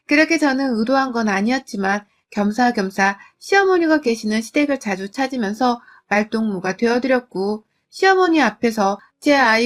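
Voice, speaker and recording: Woman in her thirties, slightly high voice, first-person story narration, confiding and conversational. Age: 30s.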